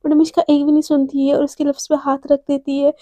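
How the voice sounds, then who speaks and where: A woman's voice: sits high, completely flat delivery, quick pace, warm tone, no echo. A young woman narrating a romance story in a breathless, rambling, dramatic way.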